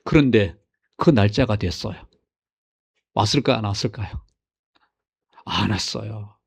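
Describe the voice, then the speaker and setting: A man preaching a sermon as senior pastor, swinging between loud exclamations and hushed asides and putting questions to his congregation. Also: on the low side, a little slow, gravelly, breathy edge.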